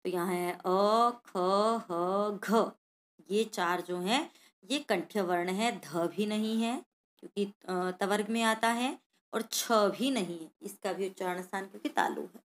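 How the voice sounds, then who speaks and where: Taking it slowly in a medium-pitched voice, a woman teaches Sanskrit from a worksheet. She pronounces every letter aloud and addresses the watching children directly.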